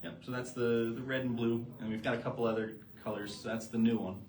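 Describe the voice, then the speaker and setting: A man's voice: medium pitch, flat delivery, quick pace, reverberant, noisy background. A man co-hosting a live product show, who explains each item in an easygoing way with frequent fillers. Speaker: co-host presenting eyewear.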